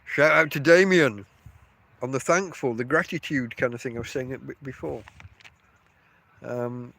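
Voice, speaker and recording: Outdoors by his tent in a field camp, a middle-aged man congested from a cold rambles through his solo podcast, chatty and self-interrupting. His mid-range voice is gravelly, bright and forceful, at a moderate pace.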